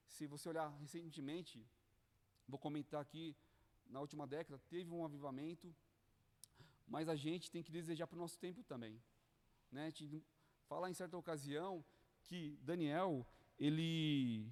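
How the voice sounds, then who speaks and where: A man's voice: a little high, darkish tone. A man preaching a sermon to church leaders in Brazilian Portuguese, fervent and pleading, often asking "né?" and calling the listeners "queridos". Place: church hall. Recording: long hall reverb.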